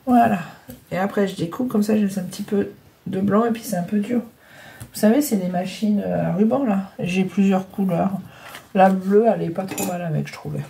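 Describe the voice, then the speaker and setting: Her voice is medium in pitch and dark, with vocal fry and a normal speed, against slight background noise. A middle-aged woman nursing a cold, she's stuffed up and breathing heavily as she chats in a rambling way to viewers from her home craft room about scrapbooking. As a vlogger, she hesitates a lot, using many fillers and restarts.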